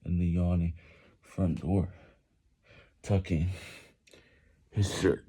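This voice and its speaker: A man reads a story aloud in the middle of push-ups, in a low, very dark voice. The delivery is slow and effortful, with sighs, halting phrases and repeated words. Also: little pitch movement, slightly rough. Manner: strained reading while doing push-ups, breaking off and repeating words. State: exerting himself, sighing between phrases. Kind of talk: reading a novel aloud.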